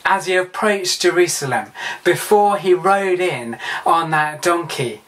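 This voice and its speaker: A woman training as a vicar gives a children's talk in a low voice at a slow, steady pace. She keeps it playful and turns now and then to a puppet donkey beside her. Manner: playful, chatting aside to a puppet.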